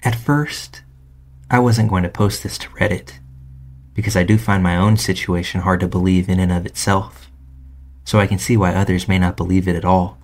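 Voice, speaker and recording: Deep, flat-voiced male narrator. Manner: calm, measured storytelling. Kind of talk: scripted narration of true stories.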